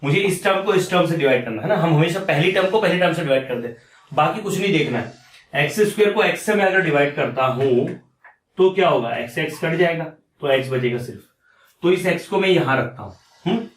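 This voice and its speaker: A man's voice: fairly high pitch, lively intonation, fairly quick, echoey room, recorded from a distance. A man teaching a maths lesson step by step, repeating each step and asking and answering his own questions. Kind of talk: explaining step by step on a board.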